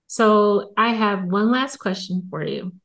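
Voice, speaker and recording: A woman hosting a book review interview, asking questions in a measured, polite way. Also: medium pitch, fairly bright tone.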